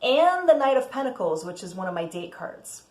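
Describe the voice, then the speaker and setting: A woman in the middle pitch range hosts a casual tarot reading, talking straight to her viewers. She is chatty, keeps asking "okay?", and breaks into bright whoops. Her voice rings in a roomy, echoey space. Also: sing-song, moderate pace. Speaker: tarot reader.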